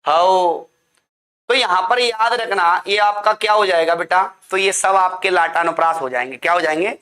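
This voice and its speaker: A man's voice: high voice, moderate pace, sharp tone. A man teaching an online class, drilling points with repeated questions and answers and calling his students "beta".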